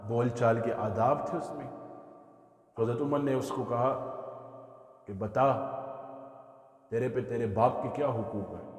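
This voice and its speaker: A man preaching a sermon, telling a story and voicing its characters as his delivery swells into loud, fervent exhortation. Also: mid-range voice. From Pakistan. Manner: builds to loud impassioned exhortation, voices the figures of the story. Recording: echoey hall sound.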